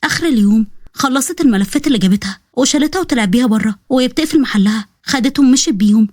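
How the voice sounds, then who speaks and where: A woman storyteller with an Egyptian accent, narrating a drama story in a fast, conversational way. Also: a little high, a little mellow, dry recording, studio quality. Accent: Egyptian Arabic.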